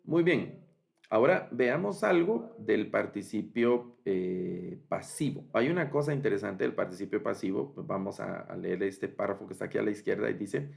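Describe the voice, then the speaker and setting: A man teaching a recorded online lesson, speaking slowly, repeating word forms and pausing with fillers. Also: on the low side, lively intonation, creaky. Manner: slow and repetitive, spells out forms with many fillers. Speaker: biblical Hebrew teacher.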